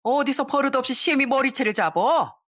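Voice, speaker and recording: A woman voicing a domineering older mother-in-law who yells and scolds in a raised, high voice. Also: animated, brisk. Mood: furious. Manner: yelling, scolding.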